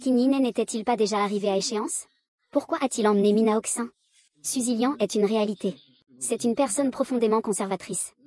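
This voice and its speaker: Fairly high-voiced woman reading drama lines. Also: a little fast, darkish tone. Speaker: voice-over reader of a drama recap. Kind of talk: reading dubbed drama dialogue.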